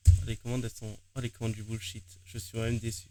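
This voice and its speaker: A man's voice: fairly low pitch, monotone, fast talker, mellow, slight background noise. A man streaming a game, chatting casually and joking with his viewers. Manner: chatty, self-mocking.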